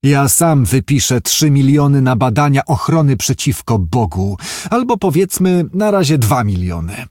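A man voicing a wealthy industrialist, talking in an emphatic, excitable way, pitched above his own voice. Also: moderate pace, dry recording, clean studio sound, close to an everyday voice. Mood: scheming, gleeful. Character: wealthy middle-aged male industrialist, flustered and calculating.

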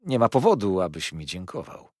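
A man's voice: deep voice, huge pitch swings, slow, husky, no echo, clean studio sound, exaggerated voice. A man voicing an earnest young man who answers tersely and coolly. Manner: terse, cool.

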